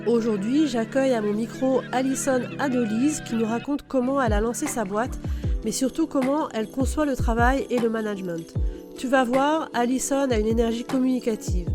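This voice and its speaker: A woman's voice: fairly high pitch, moderate pace, music in the background. A woman hosting a conversational interview podcast as a career coach.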